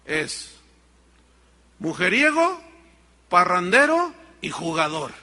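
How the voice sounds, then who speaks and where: A man's voice: high-pitched, takes it slowly, big-room sound. A man preaching a sermon, telling stories and acting out the dialogue of both sides. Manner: animated storytelling, acts out both sides of dialogues. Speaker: pastor.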